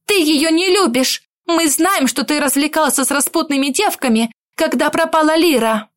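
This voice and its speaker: A fierce, outspoken young woman in a fantasy audiobook, as a woman reader puts her on. Her voice is pitched high and shrill with indignation. She speaks up boldly and accuses without fear. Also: moderate pace, lightly acted. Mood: indignant.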